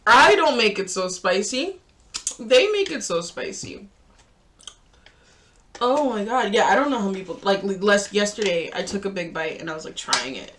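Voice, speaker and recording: A woman's voice: mid-range voice, sing-song, normal speed, a bit bright. A woman hosts a casual reaction video and chats freely. She laughs often and talks while she eats, with a mid-range voice. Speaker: host.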